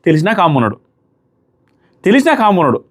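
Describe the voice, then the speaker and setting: Man, reality show reviewer, high-pitched, quick-talking, emphatic, rhetorical questions. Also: huge pitch swings. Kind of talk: casual opinionated commentary.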